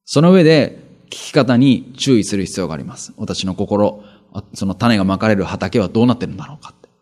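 A man's voice: fairly low pitch, brisk. Man preaching a sermon, conversational. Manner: reads verses aloud, then explains them conversationally; rhetorical questions and lively asides. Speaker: pastor. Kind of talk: sermon with Bible reading.

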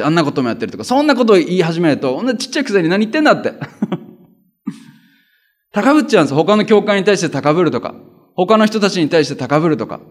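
Man, pastor, conversational sermon, fairly high voice, lively and colloquial. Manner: animated, colloquial, sound words.

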